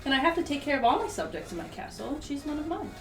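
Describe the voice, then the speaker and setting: A prim cat princess running an inn, voiced by a woman with a lightly raised pitch and a haughty, matter-of-fact lilt. She sounds roomy and set back from the mic, with faint music underneath. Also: very animated, rapid-fire, a bit bright, far from the mic, heavily acted.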